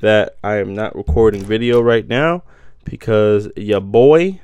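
A man's voice: on the low side, unhurried, darkish tone, clear, resonant tone, dry recording, muffled recording. A man co-hosting a podcast over a remote video call from a tablet, talking in slangy, playful, jokey banter. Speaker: podcast co-host. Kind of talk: casual chat. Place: home, remote call on iPad.

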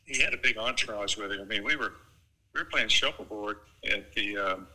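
A middle-aged father on speakerphone from an airport while boarding a flight, speaking casually and haltingly with many pauses. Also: lowish voice, sharp tone, low-quality recording. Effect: heard over a phone on speakerphone. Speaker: father called by his daughter.

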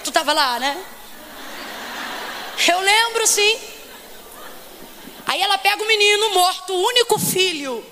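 A woman preaches with fervent emphasis. Her voice sits very high and rings bright. She keeps firing questions at the congregation and climbs into shouts. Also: lively intonation, unhurried, long pauses, slight background noise. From Rio de Janeiro, Brazil. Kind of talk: Pentecostal sermon.

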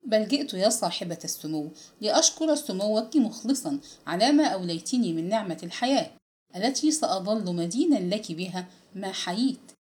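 A woman's voice: mid-range voice, animated, a little fast, darkish tone, close to an everyday voice. A woman voicing an earnest young male merchant who speaks to a princess with reverence.

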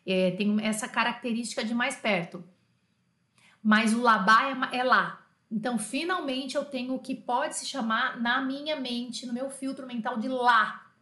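A woman teaching a live online language lesson in a chatty way, repeating example sentences slowly. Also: fairly high pitch, steady tone, bright, forceful tone, reverberant. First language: Portuguese. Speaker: French teacher.

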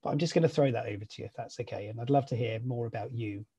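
Fast-talking, husky, enthusiastic male host. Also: mid-range voice, dark tone. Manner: enthusiastic, effusive. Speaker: interview host and coach. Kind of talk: conversational interview. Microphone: video call.

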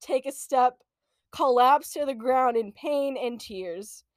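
A woman in her late twenties hosting a podcast, telling a personal story in a casual, animated, profane way and laughing often. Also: sits high, slow pace, no echo, clean studio sound. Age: late 20s. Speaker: podcast host.

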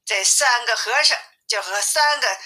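A woman narrating a simplified classic tale for an audiobook, reading clearly and expressively. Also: fairly high pitch, measured pace, sharp tone, poor audio. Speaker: storyteller.

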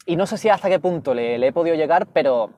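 A young man with an Andalusian accent, a guest telling animated stories in a casual chat inside a car. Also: a little high, no room sound. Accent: Andalusian Spanish. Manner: animated, quick storytelling with laughs. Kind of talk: casual conversation.

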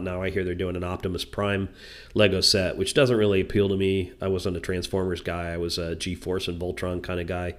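A man hosting a casual solo talk, rambling and hesitant, congested with a stuffy nose from a cold. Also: deep voice. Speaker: podcast host. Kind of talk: casual solo talk about shows and books.

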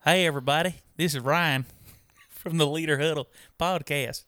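A man's voice: on the high side, normal speed, sharp tone, dry recording, voice pushed up. A man imitating his co-host with a put-on Texas twang, playful and exaggerated. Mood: hammy. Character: man mimicking a Texan co-host, southern twang.

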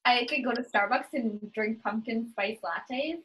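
A woman in her twenties from New England chats casually as an interview guest, upbeat and dropping "like" into nearly every line. Her voice is a little high, a little slow and a bit bright, and the recording is rough.

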